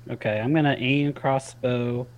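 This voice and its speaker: A man's voice: mid-range voice, fairly even intonation, moderate pace, narrow, tinny audio. A man playing a tabletop game, thinking aloud with fillers. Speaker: player. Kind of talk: casual tabletop play.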